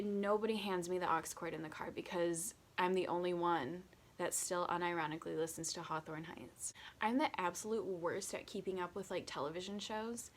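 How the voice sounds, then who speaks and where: Twenties woman, tipsy and self-mocking, low-ish voice, rambling vlog chat. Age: 20s. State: tipsy from drinking. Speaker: vlogger. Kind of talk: casual get-to-know-me chat.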